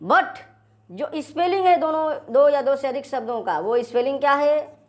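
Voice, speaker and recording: A woman teaching English grammar, repeating key phrases slowly and checking in with "right?". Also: high voice, expressive. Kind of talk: classroom-style lesson explaining definitions.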